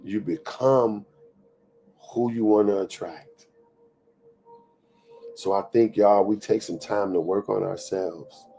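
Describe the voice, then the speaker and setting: A man's voice: lowish voice, fairly even intonation, slow pace, creaky, long pauses, dark tone, soft background music. A man in his thirties hosting a motivational talk. His delivery is preachy and conversational, and he repeats phrases for emphasis. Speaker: show host.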